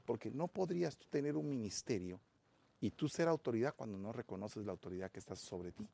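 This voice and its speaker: Gravelly, lively-voiced male preacher. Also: medium pitch, brisk. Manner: preaching with rising emphasis, addresses listeners as brother. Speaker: pastor. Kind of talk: sermon.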